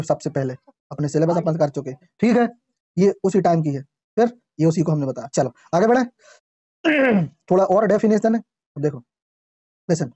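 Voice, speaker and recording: Male teacher, classroom lecture, slow English reading then Hindi explanation, quizzes the class, frequent throat clearing, dull lo-fi sound. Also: sits high, mellow, no room sound. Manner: quizzes the class with repeated questions.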